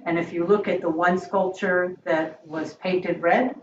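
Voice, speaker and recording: A woman board member explaining her view at a meeting in a hesitant, halting, measured way. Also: fairly low pitch, steady tone. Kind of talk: deliberative meeting discussion. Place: indoor meeting room around a large table. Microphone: far room mic on a video call. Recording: echoey room, distant mic, dull, faint noise.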